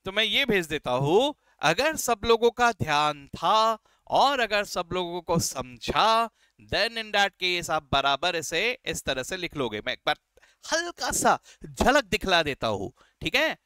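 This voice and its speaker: A man's voice: sits high, very animated, slow pace, bright, forceful tone, clear, resonant tone, no room sound. A man teaching a beginners' accounting lesson, explaining step by step in a friendly, encouraging way and constantly checking "right?" and "okay?". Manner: friendly, encouraging, calls students "beta" and "sir". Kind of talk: classroom lecture mixing Hindi and English.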